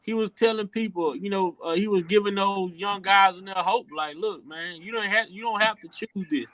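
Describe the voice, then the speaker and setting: Earnest and casual, this rural Louisiana man hosts an opinion podcast, circling back over the same words as he works up his argument. He speaks at a moderate pace in a high, fairly bright voice, captured in a dry recording.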